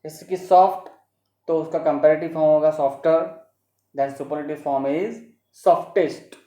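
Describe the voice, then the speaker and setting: Woman teacher, Gujarati accent, mellow voice, lesson recording, rules read aloud then explained. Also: sits low, fairly even intonation. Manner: reads English rules aloud slowly, then explains them in Hindi. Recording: dull, roomy home recording.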